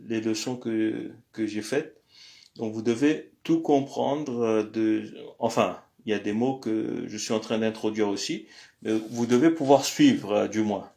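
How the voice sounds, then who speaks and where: Man, language teacher, slow, hesitant, frequent fillers, screen lesson. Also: lowish voice, gravelly, warm tone. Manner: slow and hesitant, many pauses and "euh".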